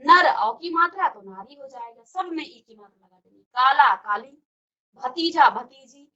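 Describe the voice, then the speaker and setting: A woman teacher with a bright, forceful, high-pitched voice and lively intonation delivers a grammar lesson at a measured pace from a virtual classroom studio. She moves through the material step by step, frequently asking questions and then answering them herself. The recording's highs are cut off.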